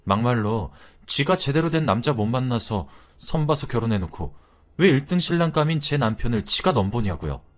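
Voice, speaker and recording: Man, lively intonation, scripted story narration, confiding chatty manner. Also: mid-range voice, a little fast. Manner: chatty confiding storytelling, retelling a wife's account.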